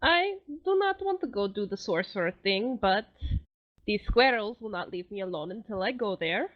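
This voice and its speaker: A woman's voice: medium pitch, animated, normal speed, no echo, dull audio, voice pushed down, natural voice. A woman voicing a suspicious, grandiose woman warrior in tabletop role-play, making paranoid declarations. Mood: commanding. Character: Mendora, a suspicious woman warrior hounded by squirrels.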